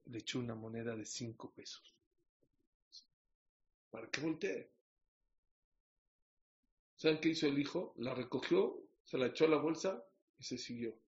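A man's voice: medium pitch, creaky, dull audio. A man preaching a sermon, telling a parable and asking his listeners questions. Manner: storytelling with questions to the audience.

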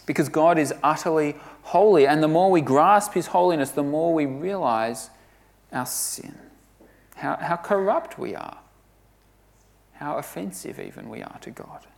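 A man preaching a sermon, earnest and emphatic, often dropping to a hush for weight. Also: a little high, expressive, measured pace, gravelly.

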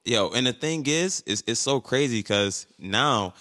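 Laid-back man, bright voice. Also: medium pitch, lively intonation, unhurried. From Buffalo, New York. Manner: laid-back, full of fillers like "you know what I mean". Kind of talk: casual chat.

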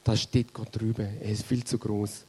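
A man's voice: on the low side, level tone, normal speed, warm tone, breathy edge. A man preaching a sermon in German, speaking earnestly and directly to his congregation.

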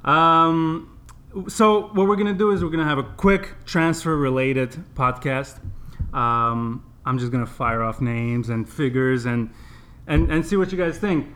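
A man's voice: medium pitch, unhurried, a bit bright, clean tone. Chatty male podcast host talking with braces. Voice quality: slightly impeded speech from new braces. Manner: chatty, informal, addresses listeners directly. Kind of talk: casual sports podcast chat.

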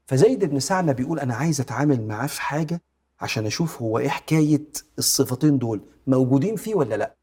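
Dark-voiced Egyptian preacher telling a story. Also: male voice, mid-range voice, lively intonation, rapid-fire. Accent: Egyptian Arabic. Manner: retells scenes with quoted dialogue, often drops to a soft hush. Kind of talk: storytelling religious talk.

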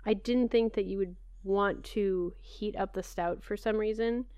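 A woman co-hosting a podcast in a casual, conversational and animated way. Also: mid-range voice, measured pace, no room sound, clean studio sound. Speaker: podcast co-host. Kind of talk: casual chat.

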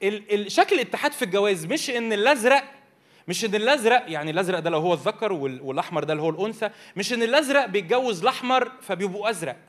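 Working from slides at a church youth meeting, an Egyptian Arabic-accented man races along in a high, animated, slightly bright voice. He keeps the audience involved by asking them question after question.

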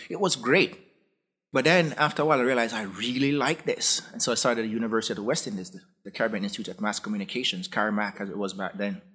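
A Jamaican man in his forties, a guest professor, tells his story in a relaxed, rambling way that often restarts. His voice is slightly low and husky, with a breathy edge. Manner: relaxed, anecdotal, frequent restarts. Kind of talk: conversational interview storytelling.

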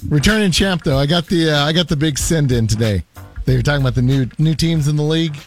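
A man's voice: fairly high pitch, quick pace, soft background music. A man co-hosting a sports radio show, chatting casually and telling joking stories into a studio microphone. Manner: animated, joking storyteller.

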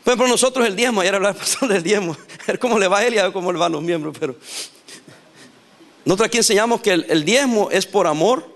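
A male pastor preaching a sermon in a lively, animated way, laughing and acting out quotes. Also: sits high, gravelly.

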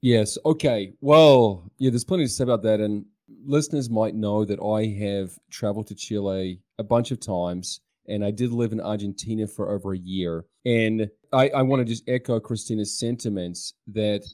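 Inquisitive male podcast host, low voice. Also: normal speed, dark tone, no room sound, clean studio sound. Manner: conversational, inquisitive. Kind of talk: interview.

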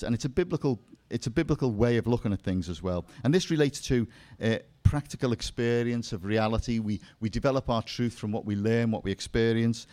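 A fairly low-pitched, darkish voice belongs to an English seminar speaker with a Liverpool accent. Talking about faith to a live audience, he offers jokes at his own expense and various asides.

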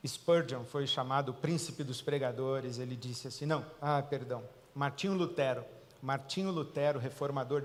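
An older man with a Brazilian Portuguese accent, a pastor preaching a sermon, who talks animatedly, acts out voices and rises to loud exclamations. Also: mid-range voice. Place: church hall. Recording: reverberant church hall.

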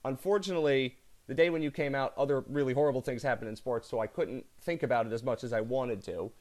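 A man's voice: mid-range voice, fast, a little mellow. A man with a North American accent, interviewing as a podcast host in a chatty, effusive way.

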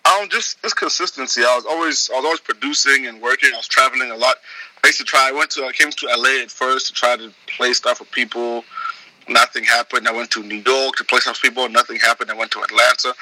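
Young guy from zimbabwe, super bright voice, laid back, keeps restarting sentences. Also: medium pitch, quick pace, dry recording, low-quality recording. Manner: relaxed, rambling with many restarts. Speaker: guest, music producer. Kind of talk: casual interview.

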